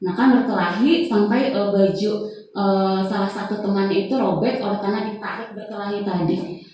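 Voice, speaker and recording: A woman's voice: medium pitch, normal speed. Chatty woman teacher in an echoey hall. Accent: Indonesian. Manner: chatty, many fillers, frequent soft laughs. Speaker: teacher presenting a training module. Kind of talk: workshop presentation to fellow teachers. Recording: very echoey room, voice far off.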